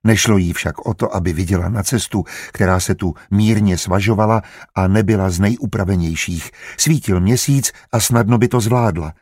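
A man narrating an audiobook in steady, even storytelling. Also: fairly low pitch, breathy edge, dry recording, studio quality. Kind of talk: scripted narration.

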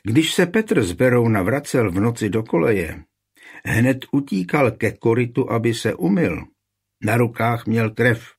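A man's voice: medium pitch, lively intonation, breathy edge. A man voicing a smug, easily offended town reeve in a historical storybook reading. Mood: smug, indignant.

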